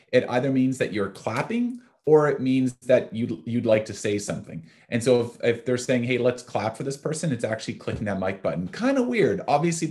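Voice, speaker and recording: A man's voice: medium pitch, darkish tone. A man hosting a webinar, explaining marketing tips in a casual, filler-heavy way over a video call. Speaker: host, marketing agency CEO. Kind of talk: webinar presentation.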